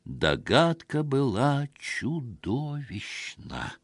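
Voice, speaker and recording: Measured, expressive male audiobook narrator. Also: medium pitch, slightly rough, no room sound, studio quality.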